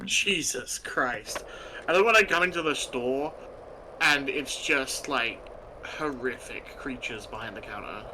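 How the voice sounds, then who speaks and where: A man's voice: mid-range voice, measured pace. A man chatting casually as he plays a game with others on a stream, with noisy audio. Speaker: co-player in a livestreamed game.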